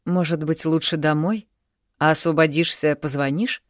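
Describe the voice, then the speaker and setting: A woman's voice: deep voice, fairly even intonation, normal speed, no echo, studio quality, close to an everyday voice. A woman voicing a terse, dismissive young man in an audiobook. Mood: grumbling. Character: young man, cool and curt.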